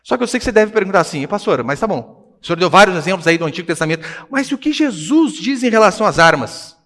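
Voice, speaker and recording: A man with a Brazilian Portuguese accent, a pastor preaching a sermon with animated swings between hushed and loud delivery. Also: sits high, fast talker, long reverb tail. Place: church hall.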